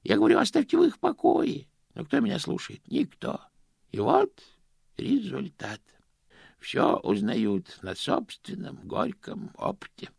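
A man's voice: high-pitched, wildly swooping pitch, measured pace, vocal fry, darkish tone, husky, no echo, clean studio sound, pitched above the performer's own voice, heavily acted. A man voicing a very old junior postman who speaks hesitantly and patiently, with fussy evasions. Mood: soothing.

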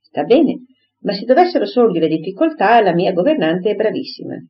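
A woman's voice: mid-range voice, sing-song, moderate pace, husky. A woman reading an audiobook, voicing a pompous, bossy married lady who gushes and insists, in a dull lo-fi recording. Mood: chatty, insistent. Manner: gushing, insistent, talks over others.

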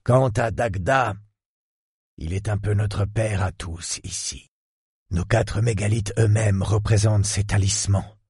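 A man voicing an enigmatic old millionaire lord in his eighties, with a grave, sepulchral, husky voice and a slow, solemn way of talking. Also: on the low side, darkish tone, no echo, studio quality, heavily acted. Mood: grave, mysterious. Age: 80s. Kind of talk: audiobook character voice.

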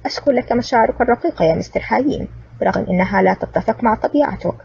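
Sarcastic, unflappable male hero voiced by a woman narrator, husky and dark. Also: medium pitch, animated, very fast, heavily acted. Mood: cool sarcasm. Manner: cold, mocking sarcasm. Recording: distant, dull lo-fi recording.

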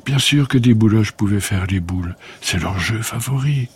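A man voicing Blu, a tiny and polite female fluff-ball creature, in a raised, gentle, childlike voice. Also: fairly low pitch, normal speed, music in the background, voice pushed up, natural voice.

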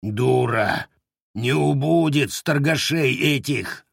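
A man voicing a greedy, foolish peasant who rants in a shrill, sobbing, self-pitying voice. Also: slow pace, vocal fry, no room sound, studio quality, exaggerated voice. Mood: snarling.

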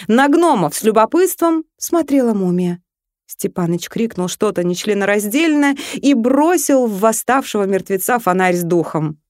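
A woman's voice: mid-range voice, no echo. Woman reading a funny fantasy story, playful, dry close sound. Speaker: narrator. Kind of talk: storybook narration.

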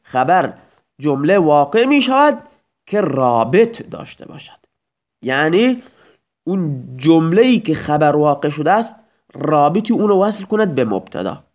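A male teacher walks through grammar patiently, one step at a time, asking rhetorical questions and then answering them himself. His voice sits fairly high and moves up and down a lot. It sounds like a recorded audio lesson. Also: sing-song.

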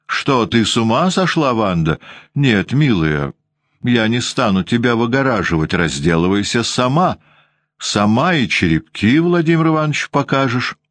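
A man's voice: medium pitch, expressive, normal speed, fairly bright tone, pitched above the performer's own voice, close to an everyday voice. A man voicing a spiteful, scolding middle-aged housekeeper who hisses sarcastically at a child in a storybook reading. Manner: hissing, sarcastic.

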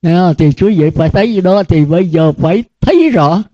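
An older man, a Buddhist monk, gives a dharma talk to students, his earnest, repetitive cadence packed with rhetorical questions. His voice is high-pitched and warm, moving at a normal speed. The recording is dry, dull, and lo-fi.

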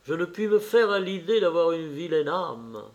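A man's voice: fairly high pitch, expressive, moderate pace, highs cut off, voice pushed up. A man reading an audiobook voices an earnest, impulsive young man who speaks with heightened emotion.

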